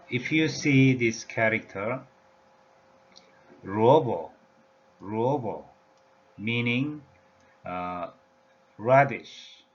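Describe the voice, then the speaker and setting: Slow, halting male teacher. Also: mid-range voice. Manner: halting, many "uh" and "yeah" fillers. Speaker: language teacher. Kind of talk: slow explanatory lecture. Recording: dull lo-fi recording with faint room noise.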